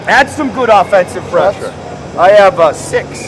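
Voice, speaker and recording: A man calling a hockey game live, excitable and chatty, shouting on scoring chances and joking with the listeners. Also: high voice, measured pace, background noise. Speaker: play-by-play commentator.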